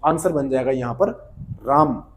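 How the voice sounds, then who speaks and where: A man's voice: medium pitch, a little slow, a little hiss or hum. A man teaching grammar for exam prep. He talks to the viewer in a friendly way, calling them his friend. He asks a question and answers it himself, and he repeats the key terms.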